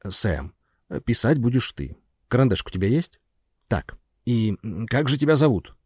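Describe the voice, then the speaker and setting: A man voicing a smooth-talking, pushy film producer who coaxes and commands in an audiobook. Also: medium pitch, very animated, unhurried, darkish tone, no room sound, clean studio sound. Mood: coaxing. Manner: coaxing and commanding. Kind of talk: audiobook character voice.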